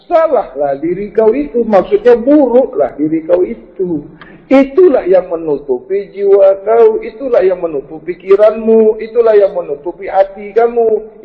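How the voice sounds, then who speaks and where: Preacher, male, scolding sermon with rhetorical questions, dull recording with long reverb. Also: sits high. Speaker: religious teacher. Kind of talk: fiery sermon. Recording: muffled lo-fi recording in a reverberant hall.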